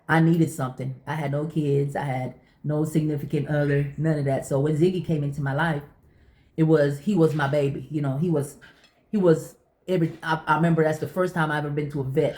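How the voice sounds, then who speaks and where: A woman's voice: low-pitched, steady tone, fairly quick, darkish tone. A woman chatting casually and telling personal stories in an emphatic way, repeating phrases to drive her point home. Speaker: vlogger. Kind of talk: casual chit-chat storytelling. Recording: echoey room.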